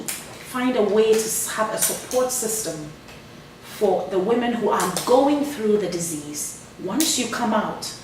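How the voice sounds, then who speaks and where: A woman speaking earnestly and emphatically, with touches of humor, as a guest in a live radio interview. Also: medium pitch. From Ghana. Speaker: charity founder and cancer survivor. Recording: echoey room, distant mic, background noise.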